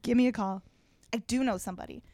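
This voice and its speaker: A woman's voice: fairly high pitch, quick pace, dark tone, no echo, studio quality, lightly acted. A woman voicing an eager young male band leader while reading a story aloud. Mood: excited. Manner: read aloud with gusto.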